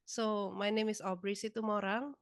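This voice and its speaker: A woman's voice: medium pitch, little pitch movement, moderate pace, no room sound, clean studio sound. A young woman, a guest musician chatting casually in an interview, with many filler words. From Indonesia.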